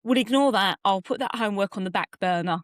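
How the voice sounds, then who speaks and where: A woman's voice: mid-range voice, fast, no echo, studio quality. A woman co-hosting a podcast in casual chat, playfully bossy and teasing. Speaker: podcast co-host.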